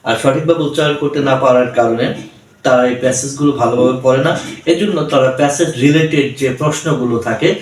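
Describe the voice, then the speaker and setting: A man teaching English pronunciation, spelling words out letter by letter and repeating each syllable slowly. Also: medium pitch. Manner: slow, deliberate, repeats syllables. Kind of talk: classroom-style lesson, spelling out words letter by letter. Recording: echoey room, voice from a distance.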